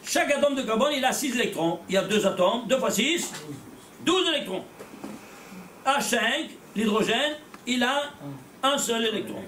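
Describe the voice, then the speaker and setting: A man teaching a religious class, animated and blunt, firing rhetorical questions at his students and repeating words as he goes. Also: very high-pitched, moderate pace, a little hiss or hum. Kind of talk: lively religious lecture to a small class. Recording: echoey room, voice from far off.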